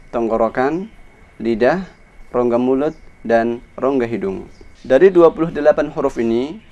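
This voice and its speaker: A male Quran recitation teacher with an Indonesian accent, explaining how each letter is pronounced in a slow, deliberate lesson and repeating the sounds for practice. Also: medium pitch, a little mellow. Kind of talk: instructional lesson on letter pronunciation.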